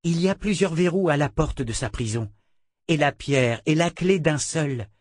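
A man reading an audiobook, voicing an excitable young male scholar who talks in eager bursts. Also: a little high, normal speed, dry recording, studio quality, voice pushed up, close to an everyday voice. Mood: explaining. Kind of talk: audiobook character voice.

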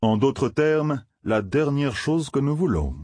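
A cloaked old gleeman speaks with slow, measured caution, as a man reads him. The voice has a husky grain and sits close and dry in an audiobook. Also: medium pitch, expressive, a little mellow, no room sound, pitched above the performer's own voice. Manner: slow, weighty counsel.

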